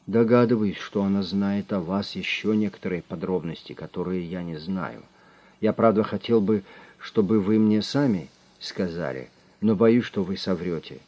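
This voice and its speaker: A man voicing a calm, grim male detective who speaks in a measured, menacing way, on a slightly muffled recording. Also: sits low.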